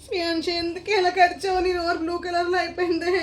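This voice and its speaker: A woman's voice: very high voice, completely flat delivery, fast talker, reverberant, slight background noise. A mother hosting a home prank vlog, pleading and play-acting fear. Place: home indoors.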